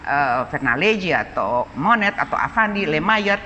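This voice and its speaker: A woman's voice: deep voice, expressive, normal speed, pushed and bright, a little hiss or hum. Middle-aged woman, Sundanese accent, chatty art dealer, recorded in a reverberant hall. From Bandung, Indonesia. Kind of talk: casual interview.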